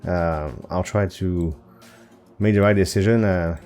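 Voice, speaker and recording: A man's voice: low-pitched, unhurried, darkish tone, faint music behind. A man hosting his own gaming channel, thinking aloud over gameplay with hesitant fillers and self-corrections. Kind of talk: casual gameplay commentary. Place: home recording setup.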